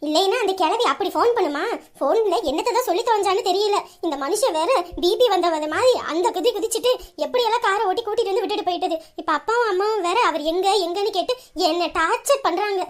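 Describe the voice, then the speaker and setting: A woman's voice: very high voice, quick pace. A woman playing a young married woman who grumbles and mutters complaints to herself in a comedy skit. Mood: grumbling.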